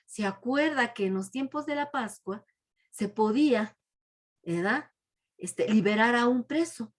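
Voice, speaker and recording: Woman telling a children's Bible story. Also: fairly high pitch. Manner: tags nearly every phrase with a soft, dropping question tag; frequent restarts and fillers.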